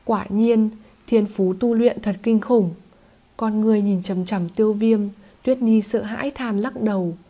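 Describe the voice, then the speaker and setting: A woman reads a fantasy novel aloud as an audiobook narrator. Her voice is mellow and soft-edged, with a steady, even delivery. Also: medium pitch, unhurried. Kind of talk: scripted narration.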